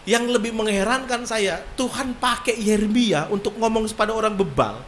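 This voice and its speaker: Animated, colloquial male preacher. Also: sits high, moderate pace, a little hiss or hum. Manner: animated, colloquial, acts out voices. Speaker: pastor. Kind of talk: sermon.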